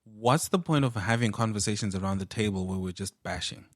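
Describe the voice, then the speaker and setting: Male podcast host, low pitch, upbeat and affirming, dry close mic. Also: a little fast, no echo. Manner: upbeat, affirming, frequent yeahs. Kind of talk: casual podcast chat.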